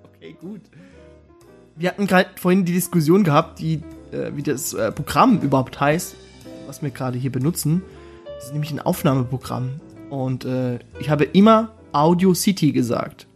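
In a casual podcast chat, a male co-host jokes around, laughs often, and spells words out letter by letter. His voice runs on the high side at a normal pace, with soft music playing underneath.

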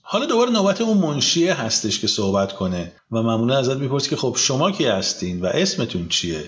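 Man teaching English phrases, lively pitch. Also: highs cut off, slight background noise. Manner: slow, careful modeling of English phrases. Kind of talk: bilingual language lesson.

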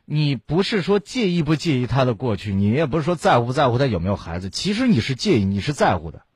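A man's voice: medium pitch, sing-song, fast talker, a little mellow, husky, no room sound, studio quality. A man hosting a call-in advice show, lecturing a caller bluntly with strings of rhetorical questions. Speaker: radio advice host.

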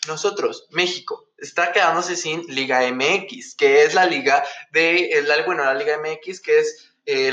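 A man's voice: fairly high pitch, a bit bright. Campy young Mexican man, echoey room. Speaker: podcast host. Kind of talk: casual chatty podcast monologue. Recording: dull, echoey room recording.

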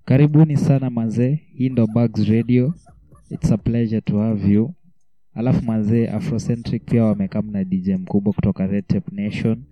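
A man's voice: lowish voice, steady tone, normal speed. Roomy, muffled Kenyan male radio host. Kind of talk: casual radio interview with slang and code-switching.

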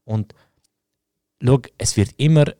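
A man's voice: mid-range voice, takes it slowly, dark tone, no room sound, studio quality. A young man with a Swiss German accent, co-hosting a podcast in casual chat and ranting heatedly in slang. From Switzerland. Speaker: podcast co-host.

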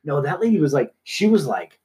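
A man's voice: very animated, a little fast, darkish tone. A young man co-hosting a podcast in casual chat, laughing often and quoting people in a raised voice. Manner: chatty, laughs often, jumps up in pitch when quoting people. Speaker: podcast co-host.

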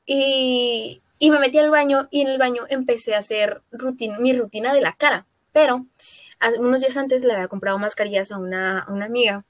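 A woman's voice: on the high side, steady tone, fairly quick, no room sound. A Mexican woman co-hosting a podcast, telling a personal story in a rambling, filler-heavy way. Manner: rambling, full of fillers and self-corrections. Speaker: podcast co-host. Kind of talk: casual podcast chat.

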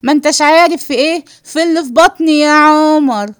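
A woman voicing a brash, defiant young woman with an Egyptian accent, shouting and sharp-tongued in a read-aloud play. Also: sits high, fast talker, dry recording, clean studio sound, voice pushed up, lightly acted. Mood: scolding.

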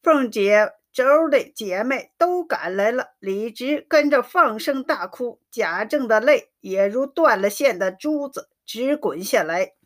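A woman narrating a classic novel in a slow, measured storytelling reading. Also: a little high, lively intonation.

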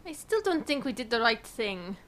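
A woman's voice: a little high, big pitch swings, normal speed, a bit bright. A woman playing an earnest, literal-minded foreign female cosmonaut in an audio comedy. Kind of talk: comic radio-play acting.

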